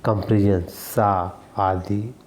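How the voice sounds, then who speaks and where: A man's voice: fairly low pitch, fairly even intonation, extremely slow, darkish tone, slight background noise. A male teacher giving a grammar lesson, asking his own questions and answering them, repeating key words for emphasis.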